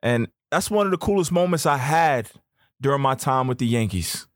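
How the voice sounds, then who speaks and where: A young man hosting a podcast, telling a story in a casual, slangy, animated way. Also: mid-range voice, moderate pace, no room sound, clean studio sound. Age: young adult. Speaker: podcast host.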